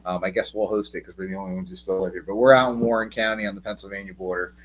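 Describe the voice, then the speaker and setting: A man's voice: sits low, steady tone, rapid-fire, a little hiss or hum. A man with a New Jersey accent co-hosting a casual livestream, joking dryly and reading out viewer comments. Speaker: co-host.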